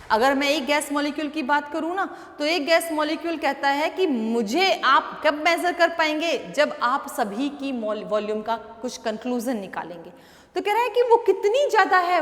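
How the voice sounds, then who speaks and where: Lady teacher lecturing, high voice, slows way down on english terms, calls students beta, long echoey reverb. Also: fairly bright tone. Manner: addresses students as "beta", checks with "thik hai". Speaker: chemistry teacher. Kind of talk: classroom lecture, Hindi mixed with English terms. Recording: roomy echo with long reverb.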